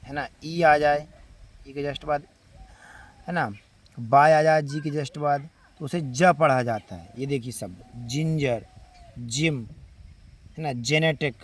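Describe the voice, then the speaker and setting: Male English tutor, Indian Hindi accent, slow drills, fairly high voice, birdsong outside. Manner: slow, drawn-out word-by-word pronunciation drills. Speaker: English teacher. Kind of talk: spoken phonics lesson.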